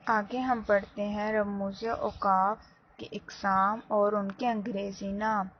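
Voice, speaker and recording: A woman's voice: medium pitch, little pitch movement. Woman teaching a lesson, lo-fi. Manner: slow, explanatory, addresses students directly. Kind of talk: classroom lesson. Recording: dull lo-fi sound, faint background noise.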